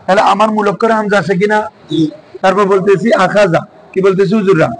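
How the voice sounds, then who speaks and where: A man's voice: high voice, fairly even intonation, fast, poor audio. A male teacher, giving a classroom lesson and quizzing his students with repeated questions.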